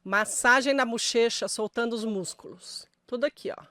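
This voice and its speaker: A woman's voice: a little high, moderate pace, pushed and bright, no echo. Brazilian woman coaching voice-over, dry close sound. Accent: Brazilian Portuguese. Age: middle-aged. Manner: friendly, emphatic, addresses viewer directly. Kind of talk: direct-to-camera voice tips.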